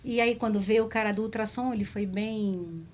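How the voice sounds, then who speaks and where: A woman telling a personal story in a conversation, in a lively, emotional way. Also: medium pitch, moderate pace, a little hiss or hum. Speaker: spiritist speaker.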